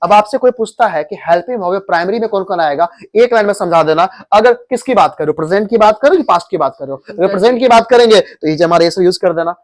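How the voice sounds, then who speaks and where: A man runs a coaching-class grammar lesson in a classroom, firing questions at his students and having them repeat answers. His voice sits high. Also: animated, quick pace, hardly any pauses. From India.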